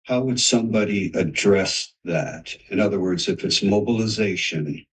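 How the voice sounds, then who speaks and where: Male, low voice, distant from the mic, inquisitive practitioner asking questions. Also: moderate pace. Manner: probing, rambling questions. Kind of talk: casual video-call discussion.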